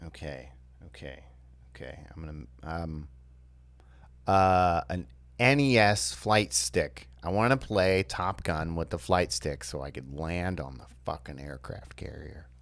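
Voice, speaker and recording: Deep-voiced laid-back male podcaster. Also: measured pace, a bit bright, no room sound. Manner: laid-back, hesitant with many fillers, swears casually. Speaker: podcast co-host. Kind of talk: casual chat.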